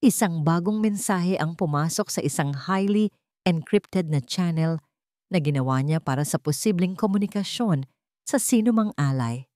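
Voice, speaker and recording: A woman with a Filipino accent narrates a scripted dramatic story in a fairly low, slightly mellow voice. The recording is dry and studio quality.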